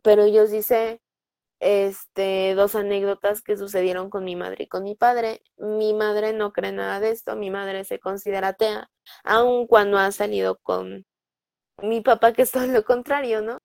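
A woman's voice: mid-range voice, steady tone, a little slow, vocal fry, a little mellow, dry recording. A young adult woman with a Mexican Spanish accent, casually telling personal stories with lots of fillers and tag questions. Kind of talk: casual storytelling.

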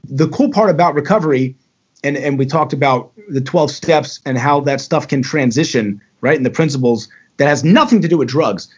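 A man's voice: a little high, normal speed, slightly rough, highs cut off. A talkative man from the Baltimore area, telling his story candidly as a podcast guest. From Baltimore area, USA. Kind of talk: casual storytelling.

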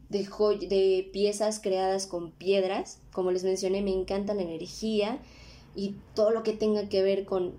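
Hosting a podcast, a Mexican-accented woman in her twenties talks in a mellow, medium-pitched voice. It's a relaxed, conversational monologue where tag questions come up again and again.

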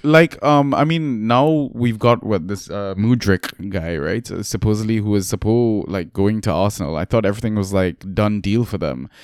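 A man co-hosting a sports podcast in a casual, easygoing way. His voice sits low and comes through smooth and clean. The recording is dry and close, with no room sound. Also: normal speed, few pauses, no echo. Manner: relaxed, chatty, laughs often. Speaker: podcast co-host.

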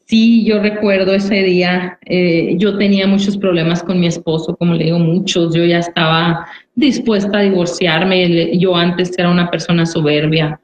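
A woman's voice: on the low side, fairly even intonation, moderate pace. A woman giving an earnest personal church testimony, repeating phrases and often asking "¿verdad?". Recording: roomy, dull recording.

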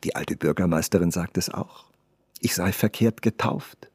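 A man voicing a shy, hushed young woman. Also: deep voice, normal speed, slightly rough, dry recording, studio quality. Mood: playful. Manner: soft, hushed, near whispering.

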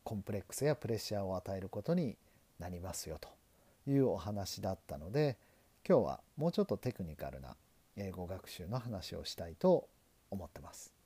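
A middle-aged lawyer from Japan hosting a solo podcast, talking in an earnest, self-deprecating, measured way. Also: male voice, low-pitched, very animated, mellow, slightly rough, no echo. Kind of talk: solo podcast talk on learning English.

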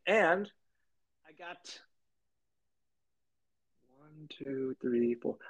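A man's voice: a little high, fairly bright tone. A man co-hosting a casual podcast, joking around and singing bits of songs for a music quiz. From lives somewhere hot. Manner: joking, sings song snippets for a quiz. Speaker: podcast co-host. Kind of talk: casual chat.

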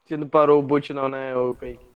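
A rowdy, shouty speaker chatting casually in heavy slang with friends while they play sound clips on a voice call. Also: mid-range voice, level tone, quick pace, clean tone, narrow, tinny audio.

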